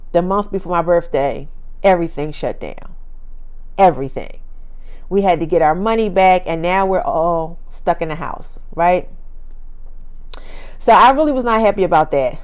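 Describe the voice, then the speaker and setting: A woman in her 50s talks casually to camera on her own channel, upbeat and laughing often. Her lowish, smooth voice repeats phrases for emphasis.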